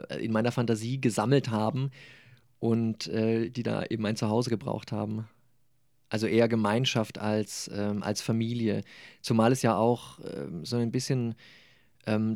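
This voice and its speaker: Brief: male author, reads his prose with lively character voices, dry close sound. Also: on the low side, vocal fry, dry recording. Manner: lively, heated dialogue voices in the reading; thoughtful, hesitant with fillers in the interview. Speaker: author reading his novel. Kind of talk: literary reading, then interview answers.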